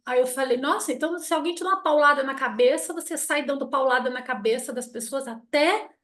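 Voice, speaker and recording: A woman's voice: high voice, fast. A middle-aged woman giving a casual spoken lesson, blunt and self-mocking, acting out the people in her stories. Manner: animated storytelling, acting out quoted people. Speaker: family constellation teacher.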